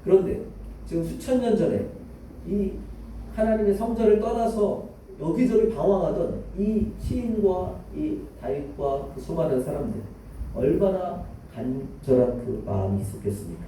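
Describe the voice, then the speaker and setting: Missionary guy preaching in a church, kinda high but dark voice, lots of echo. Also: expressive, normal speed, a little hiss or hum. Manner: earnest, addresses the congregation often. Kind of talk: sermon. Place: church hall. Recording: echoey church sound from far off.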